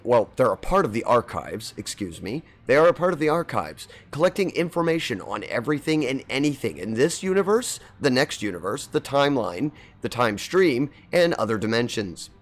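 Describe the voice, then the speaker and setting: Chatty man with an allergy-scratchy voice. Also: mid-range voice. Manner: rambling, friendly, greets chat by name. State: slightly scratchy from seasonal allergies. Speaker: streamer. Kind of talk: casual chat while gaming.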